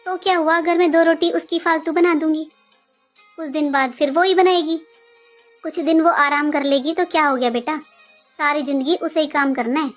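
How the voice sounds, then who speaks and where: A woman's voice: high voice, steady tone, normal speed, lo-fi sound, soft background music, natural voice. A woman playing a scolding chatty mother-in-law. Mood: gentle advising. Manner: scolding, talkative. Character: middle-aged mother-in-law, sharp-tongued but caring.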